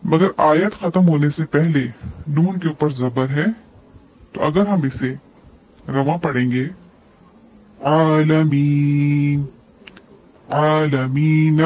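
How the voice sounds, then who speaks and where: A male tajweed teacher who talks very slowly and deliberately, sounding out letters one by one. His voice sits a little high, and he lengthens the recited syllables. The recording is dull and lo-fi. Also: a little hiss or hum. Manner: spells out letters and stretches recited words. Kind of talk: slow tajweed lesson, recitation and explanation.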